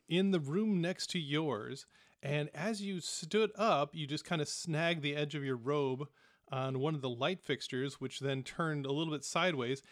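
A man narrating a tabletop game as game master, in a relaxed, descriptive way with casual fillers. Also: medium pitch, dry recording, studio quality.

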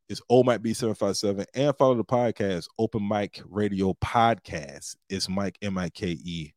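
In a casual solo podcast monologue, a stand-up comedian in his forties offers slangy advice in a big-brother tone. His fairly low voice is a little mellow, captured in studio quality with no room sound.

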